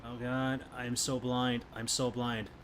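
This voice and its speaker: A man's voice: medium pitch, little pitch movement, takes it slowly, a bit bright. A man streaming a tank battle game live, chatting to viewers and swearing at the game. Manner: swearing, frustrated outbursts at the game. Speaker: gaming streamer. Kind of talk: live gameplay commentary. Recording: faint game noise behind.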